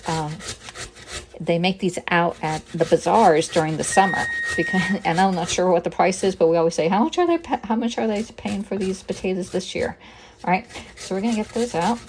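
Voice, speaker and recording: Middle-aged Pennsylvania woman, low-ish voice, chatty live cooking host in a home kitchen. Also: slight background noise. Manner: chatty, talks through each step, greets viewers, jokes with herself. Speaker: cooking demonstrator and kitchenware consultant. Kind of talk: casual live-streamed cooking demo.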